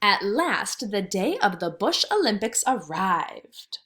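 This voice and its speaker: A woman teacher reads aloud to kindergarteners, wondering aloud and asking simple questions in an expressive, child-directed way. Her voice is medium-pitched and slow.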